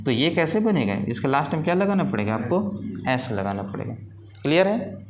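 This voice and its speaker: A man's voice: a little high, sing-song, moderate pace, noisy background. A man teaching an English grammar lesson. He asks his students questions and answers them himself. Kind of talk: classroom-style grammar lesson.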